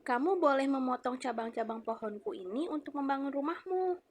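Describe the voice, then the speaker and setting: A woman's voice: high voice, lively intonation, fairly quick, a little hiss or hum, pitched above the performer's own voice. A woman reading aloud and voicing a kind, generous apple tree in an inviting, lifted voice. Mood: gentle. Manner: bright, inviting, cheerfully calling out.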